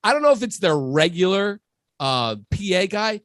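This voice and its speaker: A man co-hosts a sports podcast in a casual chat, telling stories and breaking into laughter along the way. His voice sits a little high. The sound is close and dry, with no room around it. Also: very animated, normal speed, fairly bright tone, dry recording. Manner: laughs through his storytelling. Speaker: podcast co-host.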